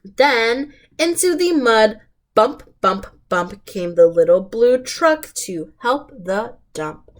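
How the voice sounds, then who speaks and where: A woman hosting storytime reads picture books aloud to children, using simple, emphatic phrases and asking her young listeners questions. Her voice is fairly high, sing-song, and slow.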